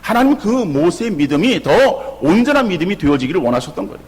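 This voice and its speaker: A middle-aged man pastor preaching a sermon with lively rhetorical questions. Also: high voice, fast talker, husky, in a large hall. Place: church sanctuary.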